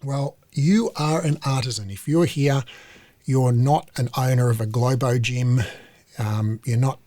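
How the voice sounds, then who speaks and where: Man hosting a relaxed online webinar. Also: mid-range voice, unhurried. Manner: relaxed, conversational, frequent fillers and restarts. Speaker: host, company CEO. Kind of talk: live online webinar presentation. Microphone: video call.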